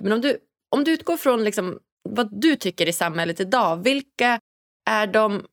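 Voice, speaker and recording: Brief: woman host, eager and agreeing, dry close mic, mid pitch. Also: dry recording. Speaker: podcast host. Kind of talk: podcast conversation.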